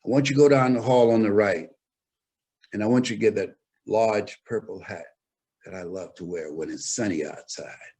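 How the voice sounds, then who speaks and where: A man's voice: on the low side, moderate pace, darkish tone, husky. An older man doing a cold, haughty rich woman. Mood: commanding. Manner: cold, commanding.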